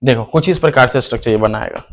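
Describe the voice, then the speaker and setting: A man's voice: mid-range voice, fast. A man teaching a biology lesson online, who asks his students questions and then answers them himself, repeating the key terms. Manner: calls the viewer "hero". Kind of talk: online lecture.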